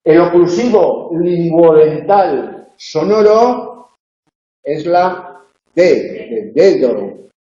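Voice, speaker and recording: Drawing out his words, a man with a warm, slightly high and animated voice teaches university phonology in a classroom. This lecturer explains step by step with plenty of "eh" and tag questions, and the echoey room yields a dull, lo-fi sound.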